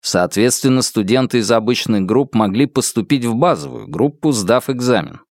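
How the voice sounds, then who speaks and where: A man narrating an audiobook in an expressive storytelling manner. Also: medium pitch, moderate pace, vocal fry, no room sound, clean studio sound. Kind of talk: scripted narration.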